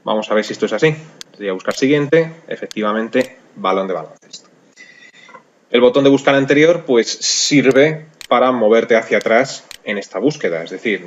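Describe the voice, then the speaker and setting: A man's voice: fairly low pitch, muffled recording, a little hiss or hum. A man with a Spanish accent from Spain, patiently explaining a spreadsheet program step by step in a screencast tutorial, with frequent fillers. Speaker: software instructor.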